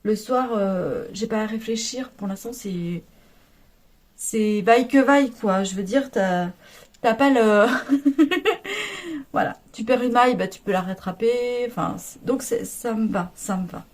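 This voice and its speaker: A woman's voice: medium pitch, unhurried, a little mellow. A woman with a French accent chatting casually at home about her knitting, rambling and laughing often. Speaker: knitting vlogger. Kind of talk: casual chat.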